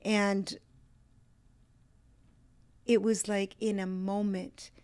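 This is a woman recounting a hard chapter of her life as a guest on a faith talk show. Her voice sits in an ordinary middle range and sounds close and dry. She drifts from quiet, hushed passages into animated bursts of storytelling. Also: medium pitch, very slow, clean tone, no echo. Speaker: guest author.

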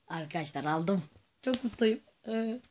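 A male gaming host giving playful, excitable commentary over his own gameplay, often chanting silly repeated sounds. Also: high-pitched, a little hiss or hum.

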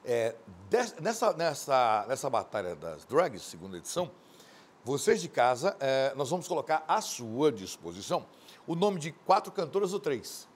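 A man hosting a TV show, delivering loud, mocking studio commentary, shouting at times and acting out quoted voices. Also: mid-range voice, big pitch swings, moderate pace, slightly rough. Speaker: TV host.

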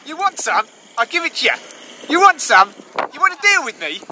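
A man doing a shrill, picky-fighting young tough. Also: very animated, a little fast, bright, forceful tone, exaggerated voice, rough recording. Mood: taunting. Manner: taunting, confrontational. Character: aggressive young male rival picking a fight. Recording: wind buffeting the mic outdoors.

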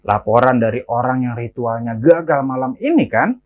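A man's voice: mid-range voice, moderate pace, narrow, tinny audio, close to an everyday voice. A man voicing a sly young male factory worker who talks in a sarcastic, taunting way, in a spoken horror story.

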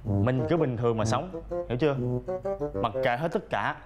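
An actor playing a weary, brusque husband whose wife left him, in a family sitcom. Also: male voice, medium pitch, animated, normal speed, over loud music, lightly acted. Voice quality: weary, brusque, bursts into agitated shouting. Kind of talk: sitcom acting.

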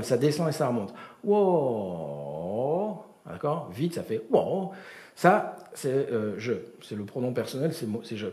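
A middle-aged man giving a comic storytelling lecture, animated and full of imitated voices and sounds, with many restarts. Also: mid-range voice, echoey room. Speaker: performer of a gesticulated lecture.

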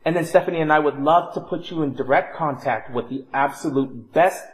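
A man in his thirties, a real estate agent, giving an upbeat, persuasive scripted sales pitch to the camera in a bright home. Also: fairly quick, rough recording. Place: bright home interior, indoors.

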